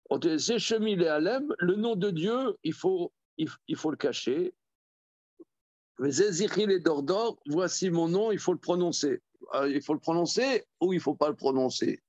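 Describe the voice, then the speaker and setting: Higher-voiced rabbi teaching, halting. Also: male voice, expressive, darkish tone, no room sound, dull audio. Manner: halting, repeats words, reads verses aloud and then explains. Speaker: rabbi teaching a Torah class. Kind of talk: Talmud study lesson.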